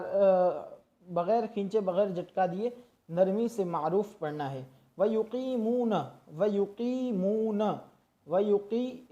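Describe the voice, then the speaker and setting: A teacher with a mellow, darkish voice walks through a Quran reading lesson, explaining each rule patiently. Syllables are stretched out slowly to show how they should sound. The recording is dull and lo-fi. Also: medium pitch. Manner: patient and instructive, drawing out syllables to demonstrate. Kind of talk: tajweed lesson, explaining and slowly demonstrating recitation.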